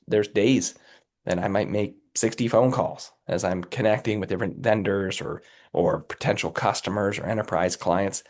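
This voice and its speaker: A man with a cold and a raspy voice, a company executive giving earnest, motivational answers as a guest in an interview, often checking in with "right?". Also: fairly low pitch, a little mellow. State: has a cold, under the weather.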